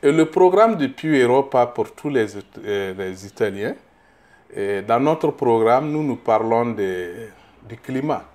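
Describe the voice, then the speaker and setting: Speaking as a political candidate in an interview, this middle-aged man from Burkina Faso proceeds slowly, stumbling and repeating small words as he reaches for the next one. His mid-range voice is expressive and somewhat dark, and he gets emphatic on key points.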